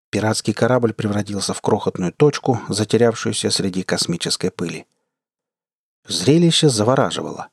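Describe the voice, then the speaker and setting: Husky-voiced man reading sci-fi. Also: fairly low pitch, no room sound, studio quality. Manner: steady, expressive storytelling. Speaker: host and reader. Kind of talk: audiobook narration.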